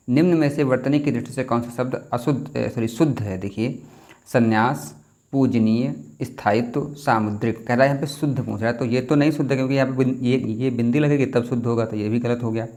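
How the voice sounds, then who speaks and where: A male teacher walks students through a Hindi exam practice set at a medium pitch. He explains patiently and keeps checking in with "okay" and rhetorical questions. His delivery is plain and instructive, in the manner of an online coaching lesson. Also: darkish tone. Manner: explanatory, repeats rhetorical questions and "theek hai".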